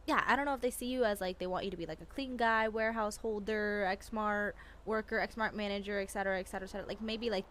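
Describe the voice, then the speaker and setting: A woman's voice: medium pitch, a bit bright, a little hiss or hum. A woman in an in-character roleplay chat, giving earnest advice full of "like" and restarts. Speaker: roleplayer in a gang.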